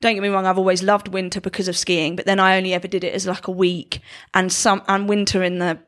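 Woman, animated, casual podcast chat, restarts sentences, finishes others' lines. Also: mid-range voice, fast. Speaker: podcast co-host. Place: room with the door open, abroad.

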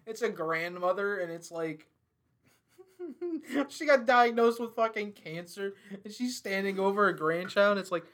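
A woman with a lively, bouncing voice hosts a crude podcast. She reads out silly questions, curses freely and keeps dissolving into giggles. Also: mid-range voice, measured pace. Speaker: podcast host asking questions. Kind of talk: crude casual banter.

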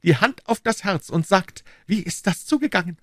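A man voicing an excitable young king in a high, fussy, scolding voice, reading a story aloud. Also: no room sound, clean studio sound. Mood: teasing. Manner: shrill, fussy, quick to scold. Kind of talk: audiobook character voice.

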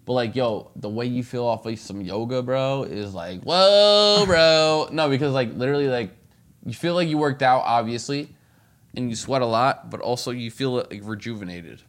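A man's voice: mid-range voice, moderate pace. A young man chatting casually with friends in a slangy, profane frat bro manner. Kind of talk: casual chat among friends.

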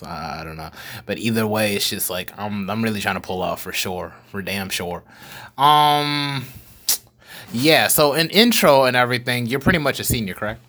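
A man's voice: lowish voice, fairly bright tone. A young man hosting a podcast, chatting loosely and joking with plenty of swearing. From African family. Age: young adult. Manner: loose, joking, rambling with profanity. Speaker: podcast host. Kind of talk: casual chat.

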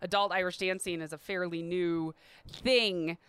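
A woman's voice: lowish voice, steady tone, measured pace, fairly bright tone, smooth, no room sound. A woman hosting her own podcast, talking in a chatty, upbeat way with light laughs. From Midwestern United States. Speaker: podcast host. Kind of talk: casual solo podcast talk. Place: at home in a quiet neighborhood.

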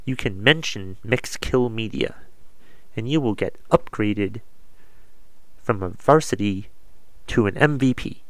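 A man with a cold, sounding slightly congested, hosts his own podcast in a casual, rambling, self-deprecating solo monologue. His voice is lowish and a little slow, with frequent pauses. The recording is dry and low quality.

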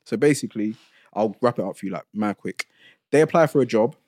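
A man's voice: on the low side, lively intonation, quick pace, a little mellow. A man co-hosting a podcast, reading out a news item in a loose, chatty way with filler ums. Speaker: podcast co-host. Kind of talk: casual chat and news segment.

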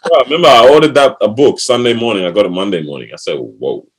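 A husky-voiced young man with lively, swinging pitch. He chats casually in heavy roadman-style street slang. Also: rapid-fire. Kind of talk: casual chat.

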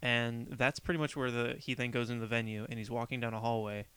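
Smooth-voiced man recapping a film casually. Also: medium pitch, quick pace, dry recording. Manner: relaxed storytelling with fillers. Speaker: podcast co-host. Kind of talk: casual chat about a film.

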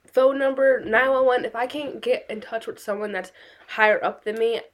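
A woman's voice: fairly high pitch, steady tone. A young woman co-hosting a podcast as the daughter, agreeing often and joking playfully. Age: young adult. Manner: quick agreeing backchannels, playful. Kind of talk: casual podcast chat.

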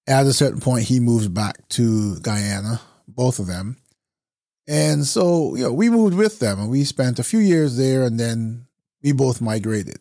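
A man's voice: mid-range voice, expressive, measured pace, dark tone, dry recording, clean studio sound. A man from Barbados hosting a solo podcast, talking in a reflective, conversational way with many fillers. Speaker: podcast host. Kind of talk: casual solo podcast talk.

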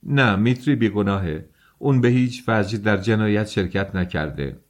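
A young, thin laborer confesses in a firm, halting voice, as a male narrator puts him on. It is an audiobook reading, with only a slight change from the reader's low voice. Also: lightly acted. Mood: resolute.

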